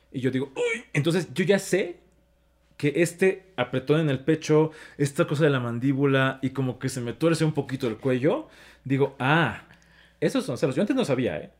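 Fast-talking Mexican man. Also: mid-range voice. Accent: Mexican Spanish. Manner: fast-talking, animated, acts out his own inner voice. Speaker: guest speaking on emotions and relationships. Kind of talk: casual conversational explanation.

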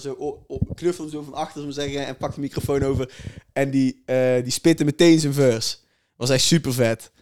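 A young man co-hosting a podcast, chatting in a relaxed way and telling stories with enthusiasm. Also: mid-range voice, clean tone. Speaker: podcast co-host. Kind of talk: casual chat.

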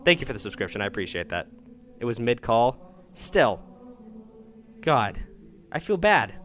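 A young man hosts a casual live stream, reading out chat and taking calls. His pitch is mid-range but swings widely as he reacts with loud, swearing outbursts and quick jokes. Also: big pitch swings, slight background noise.

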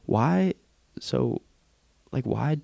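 A man's voice: mid-range voice, lively intonation, drawn-out words, creaky, dark tone, no room sound. A young man co-hosting a casual podcast, talking in loose, profane banter into a home computer mic. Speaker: podcast co-host. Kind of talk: casual chat. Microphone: home computer mic with headphones.

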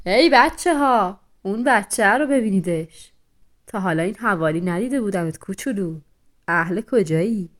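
A woman voicing a large scarred male hunting dog who taunts in a loud, drawn-out voice. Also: mid-range voice, expressive, natural voice. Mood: mocking.

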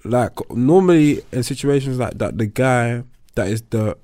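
A man's voice: mid-range voice, lively intonation, moderate pace, mellow, no echo. A young man speaks in a London roadman accent, recorded close and dry. He is slangy and opinionated, talking casually as a podcast host among friends. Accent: London, urban roadman slang. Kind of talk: casual group discussion.

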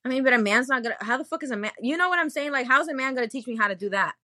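A young woman with a high, bright voice that swings up and down as she talks, blunt and animated, laughing easily through casual podcast chat. Dry, close sound. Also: very fast, no echo. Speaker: podcast co-host.

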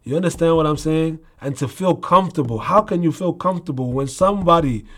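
A man's voice: on the high side, fairly quick. A man speaking as an interview guest in a heartfelt conversational way, emphatic and often checking that the listener follows. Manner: emphatic, with repeated rhetorical check-ins.

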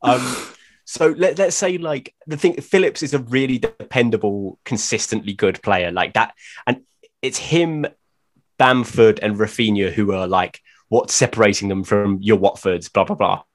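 A man's voice: on the low side, normal speed. A man co-hosting a football podcast, talking bluntly and laughing often in casual chat. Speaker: podcast co-host.

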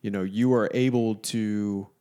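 A man with a fairly low voice muses on a podcast. He speaks in a relaxed, reflective way, softening his points with "like" and "I mean." The talk is casual and unscripted. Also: measured pace, clear, resonant tone. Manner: relaxed, reflective, hedging with fillers. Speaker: podcast co-host. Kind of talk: casual chat.

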